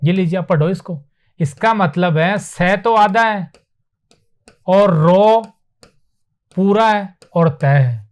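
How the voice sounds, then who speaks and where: Male teacher, high voice, lecturing at a board; drills each word, asks and answers his own questions. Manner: repeats words slowly for emphasis, asks and answers himself. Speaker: Hindi teacher. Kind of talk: classroom lecture on spelling. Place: classroom with whiteboard.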